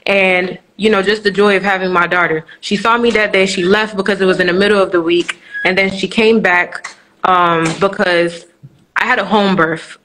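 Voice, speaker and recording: A woman's voice: mid-range voice, fairly bright tone, slight background noise, rough recording. A woman in her twenties, from Nigeria, speaking candidly as a guest on a live-streamed interview, telling her story with many restarts and fillers. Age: 20s.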